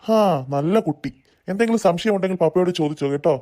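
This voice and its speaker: A man's voice: sits high, dark tone, natural voice. A man voicing a teasing, stingy father and husband in a cartoon. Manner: teasing, brisk.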